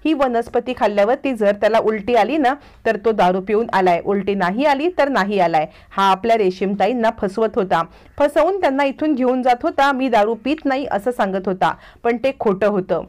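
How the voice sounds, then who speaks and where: A woman's voice: on the high side, moderate pace, a little mellow, lightly acted. A woman voicing an earnest young village woman from a television serial, explaining herself.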